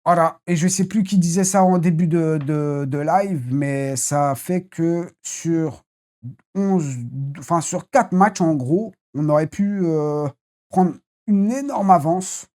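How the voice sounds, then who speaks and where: Mellow, rambling football debrief host. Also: medium pitch, slow. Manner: rambling and blunt, with casual swearing. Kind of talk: casual live post-match debrief.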